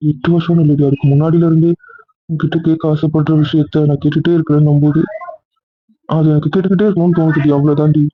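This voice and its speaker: Actor as a insecure young boyfriend, pleading, husky, thin phone-like sound, web drama. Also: male voice, on the high side, little pitch movement, quick pace. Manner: coaxing, pleading. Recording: dry, phone-like thin recording.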